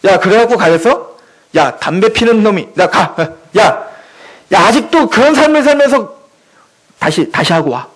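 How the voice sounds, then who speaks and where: A man voicing a harsh male legalist gatekeeper who barks and scolds newcomers, his voice dropped lower than his own. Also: animated, moderate pace, fairly bright tone, slightly rough, full character voice. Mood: scolding. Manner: barking, scolding.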